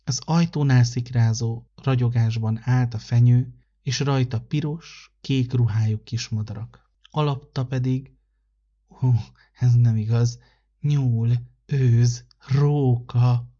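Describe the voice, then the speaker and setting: A man calmly narrating a children's story aloud. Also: mid-range voice, muffled recording. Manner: calm, measured narration.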